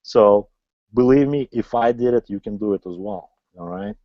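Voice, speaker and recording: In a slightly dull, lo-fi and dry recording, a man in his forties coaches online marketing through a motivational sales webinar. English isn't his native language, he often tags "right?" onto his lines, and his medium-pitched voice moves at normal speed.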